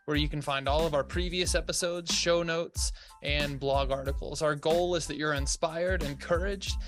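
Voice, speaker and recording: A man hosting a podcast, upbeat and welcoming. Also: fairly high pitch. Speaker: podcast host.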